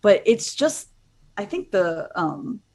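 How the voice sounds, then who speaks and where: This guest is a young Miami woman studying abroad, chatting casually at a slow pace in a medium-pitched, sing-song voice with a darkish tone. She rambles a lot and says "like" constantly, along with plenty of other fillers.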